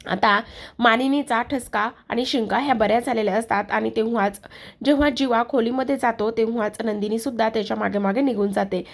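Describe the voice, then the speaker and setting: A woman's voice: a little high, steady tone, fairly quick, vocal fry. A woman casually retelling a TV serial episode, talking straight to her viewers. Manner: chatty, addresses viewers directly. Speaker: TV serial recap narrator.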